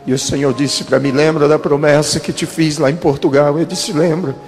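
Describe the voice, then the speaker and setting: A man in his thirties, a pastor, giving a dramatic testimony and slowing down for quoted speech. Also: on the high side, fairly even intonation, darkish tone. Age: 30s. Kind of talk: testimony sermon. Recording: reverberant hall with music behind.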